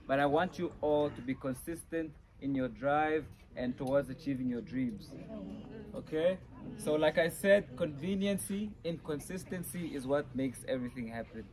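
A man's voice: medium pitch, darkish tone, a little hiss or hum, low-quality recording. A young man from Namibia giving an earnest birthday speech to guests at an outdoor night party, speaking up so the crowd can hear. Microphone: phone camera a few metres away.

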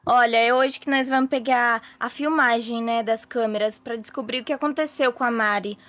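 A woman with a Brazilian Portuguese accent playing a calm mother who keeps reassuring her daughters. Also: a little high, normal speed, lightly acted. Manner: soothing, reassuring. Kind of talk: game role-play voice acting.

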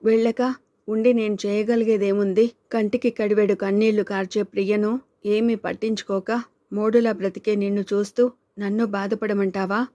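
A woman's voice: medium pitch, level tone, moderate pace, mellow, no room sound, natural voice. A woman voicing a caring, outspoken young woman who speaks in a pleading, reproachful way. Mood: firm.

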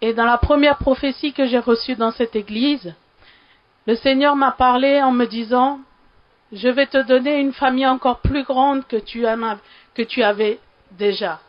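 A woman's voice: high-pitched, fairly even intonation, normal speed, dull audio. A woman from Sri Lanka giving a heartfelt testimony in a church hall, faltering a little at emotional moments.

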